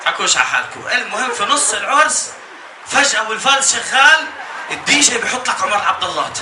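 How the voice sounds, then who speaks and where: A man with a Jordanian accent doing stand-up comedy as an animated, escalating rant, telling stories and acting out bits. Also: very high-pitched, fast talker. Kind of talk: stand-up comedy about weddings. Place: live comedy show before an audience. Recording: echoey live venue, distant, noisy laughing crowd.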